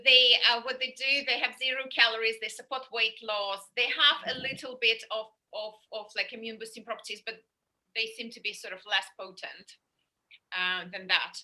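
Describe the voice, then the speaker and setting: A woman's voice: fairly high pitch, fairly even intonation, moderate pace, rough recording. A woman herbalist explaining remedies in casual chat, talking with many restarts and fillers. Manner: chatty, full of restarts and fillers, warm enthusiasm for remedies. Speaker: herbalist guest. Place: london.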